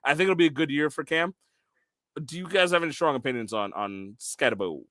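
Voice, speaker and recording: A man with a bright, forceful voice and a slightly high pitch, chatting casually about sports as a podcast co-host. He is an excitable storyteller who keeps throwing in quick asides. His voice sits close and dry, with no room sound around it. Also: no room sound.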